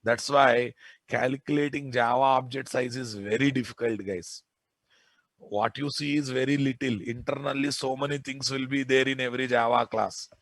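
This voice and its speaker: This programming lecturer, a man with a Telugu Indian accent, teaches a technical lesson informally and insistently, often firing questions at the class. He talks at a moderate pace in a steady, medium-pitched voice that's fairly bright, recorded without echo.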